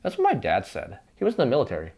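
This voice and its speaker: A man's voice: mid-range voice, wildly swooping pitch, very fast, gravelly, dark tone, breathy edge. A man playing several versions of himself in a scripted, conversational debate, arguing back and forth with himself. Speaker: host of an explainer sketch.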